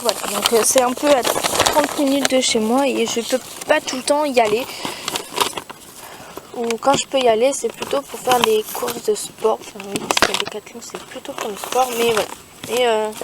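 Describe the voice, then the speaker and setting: A woman's voice: fairly high pitch, heavy background noise. A teenage girl showing her riding gear in a casual vlog from the boot of a car, hesitant, with many fillers and restarts. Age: teens. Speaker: youtuber. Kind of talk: casual show-and-tell vlog.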